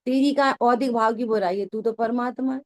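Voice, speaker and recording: A woman with a somewhat high voice gives a religious discourse to her class. Her tone is conversational, and she often stops to ask whether the point has landed. She scolds her listeners in a familiar, teasing way. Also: a little fast. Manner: conversational, keeps checking that listeners follow. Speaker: teacher of a scripture study class.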